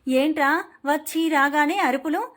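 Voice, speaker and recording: A woman voicing a stern middle-aged father who scolds gruffly. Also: high voice, unhurried, fairly bright tone.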